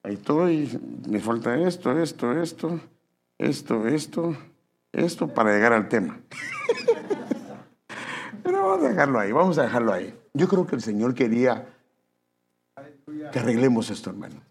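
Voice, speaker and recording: A man's voice: medium pitch, moderate pace, a little hiss or hum. A man preaching a sermon, acting out church members and leading a prayer. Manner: animated preaching, acts out voices of church members. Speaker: pastor.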